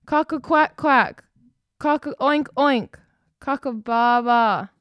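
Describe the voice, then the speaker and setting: Woman putting on a storybook cockerel, high loud crowing, slow drawn-out calls, dry close sound. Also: no echo. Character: flustered young male cockerel.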